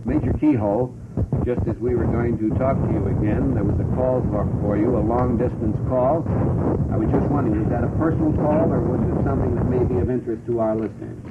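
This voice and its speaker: A man hosts a radio talk show conversationally and deliberately, repeating and spelling out details for his listeners. The vintage recording is tinny and noisy, with rumble.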